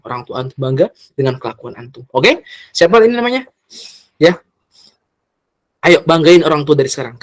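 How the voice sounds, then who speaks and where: A man from Indonesia giving a casual sermon as a preacher, answering questions and swinging between animated and hushed talk. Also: a little high, no echo. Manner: shifts between lively and soft, hushed delivery. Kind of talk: casual sermon with acted quotes.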